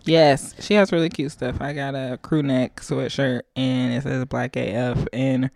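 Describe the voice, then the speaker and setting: A woman's voice: extremely low pitch, fairly even intonation, a little slow, creaky, darkish tone, no echo, clean studio sound. A young woman co-hosting a podcast, chatting casually, playful and laughing often. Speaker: podcast co-host.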